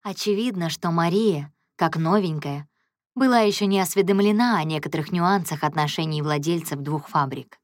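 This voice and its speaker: Woman narrating an audiobook, lowish voice, bumps up pitch for the characters, dry close sound. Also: normal speed, dry recording. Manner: lively, voices characters by raising pitch and volume.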